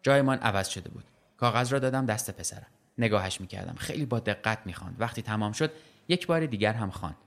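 A man reading a short story aloud in a plain, even storytelling voice. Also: fairly low pitch. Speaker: story reader.

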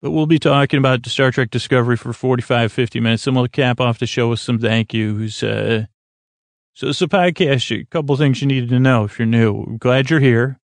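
A podcast host with a mid-range voice talks briskly yet soothingly on his sleep podcast, rambling without a script. He stumbles, lets thoughts trail off, and pokes gentle fun at himself, all in a dry recording.

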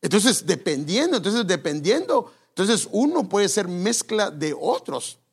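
Gravelly-voiced man preaching conversationally. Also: high-pitched, big pitch swings, unhurried. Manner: conversational, self-correcting, addresses listeners directly. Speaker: pastor. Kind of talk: sermon on marriage.

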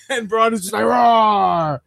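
A man's voice: high-pitched, animated, a little fast, darkish tone, no room sound. A man co-hosting a casual wrestling podcast, joking and swearing freely. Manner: profane, joking, mocking impressions. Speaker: podcast co-host.

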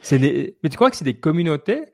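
Podcast cohost guy, casual chat, jumps in excited, restarts a lot. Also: a little high, fast talker. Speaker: podcast co-host.

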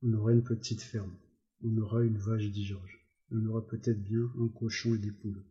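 A man reading aloud, voicing a weary, protective ranch worker who speaks in a flat monotone, on a slightly dull recording. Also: on the low side, normal speed, natural voice. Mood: soothing.

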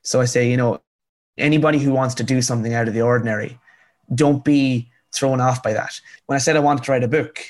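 A man's voice: mid-range voice, fairly even intonation, brisk, a little mellow. Earnest young man, rural Irish accent. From County Cavan, rural Ireland. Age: 20s. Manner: earnest, emphatic, repeats phrases for effect. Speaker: interview guest, author. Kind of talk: conversational motivational storytelling.

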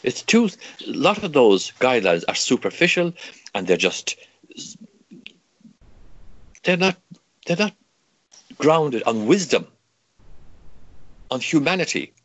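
In an impassioned interview, a campaigner from Kerry, Ireland, speaks English with an Irish accent though Irish is his native tongue. The older man's medium-pitched voice is sing-song and slow, with frequent pauses, many stammered restarts and rhetorical questions. The audio is lo-fi with no room sound.

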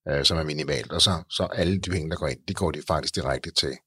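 A male host with a very low, husky voice asks encouraging questions, stumbling over words and repeating himself as he goes. His voice is picked up close and dry, with no room echo. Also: pushed and bright. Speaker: podcast host. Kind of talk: interview conversation.

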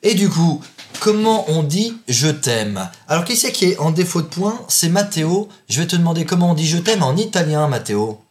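Un jeune homme qui anime un jeu entre amis en tant qu'arbitre, taquin et faussement sévère, riant souvent. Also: male voice, on the high side, big pitch swings, normal speed. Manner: teasing, mock-stern, laughs often. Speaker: game host and referee. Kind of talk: joking quiz banter among friends.

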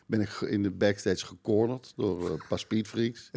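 A man's voice: fairly low pitch, steady tone, moderate pace, vocal fry, darkish tone. A man co-hosting a podcast, telling an anecdote hesitantly with many fillers. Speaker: podcast co-host.

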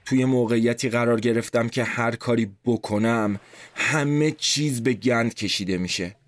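A man narrating a first-person story as a tense inner monologue. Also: medium pitch. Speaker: narrator and reader. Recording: loud background music score.

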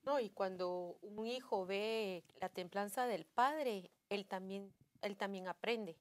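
A woman's voice: mid-range voice, slow, no room sound. Chatty woman, dry close mic. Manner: warm anecdotal, acts out family dialogue, many fillers. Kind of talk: casual faith-based chat.

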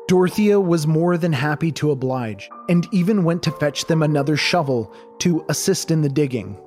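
A man narrating a true crime story in a measured, dramatic scripted style. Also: fairly high pitch, darkish tone.

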